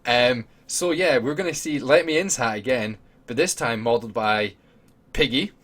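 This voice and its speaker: Husky-voiced man hosting a podcast. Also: mid-range voice, normal speed, fairly bright tone. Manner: giggly, jokey, laughs often. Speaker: podcast host. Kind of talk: casual podcast chat.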